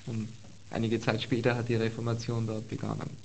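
A man's voice: fairly low pitch, completely flat delivery, a little fast, vocal fry, darkish tone, slight background noise. A man preaching a sermon and reading Bible verses aloud, earnest, stressing and repeating key words. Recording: slightly dull lo-fi recording.

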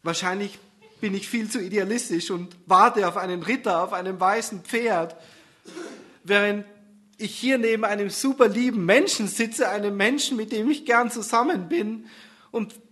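A man's voice: high-pitched, moderate pace, fairly bright tone, voice pushed up. A man voicing an anxious young woman who overthinks her relationship and turns tearful. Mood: brooding. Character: anxious, soul-searching young woman in love.

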